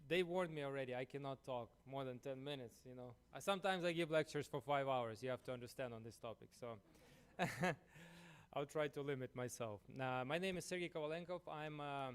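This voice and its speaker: A man's voice: medium pitch, a little fast, smooth. Ukrainian-accented man presenting at a conference. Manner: chatty, leans on "you know" and "uh". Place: conference room.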